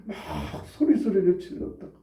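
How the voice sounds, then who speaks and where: A man's voice: lively intonation, fairly quick. Man preaching in a distant, roomy church. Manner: conversational preaching, swings from hushed to loud and high. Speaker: pastor. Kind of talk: sermon. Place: church sanctuary.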